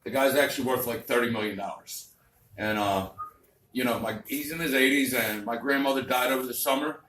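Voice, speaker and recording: A man's voice: mid-range voice, moderate pace, fairly bright tone. A man doing a crude, vulgar, rambling stand-up comedy set on a club stage. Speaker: stand-up comic. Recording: roomy club, distant mic, faint noise.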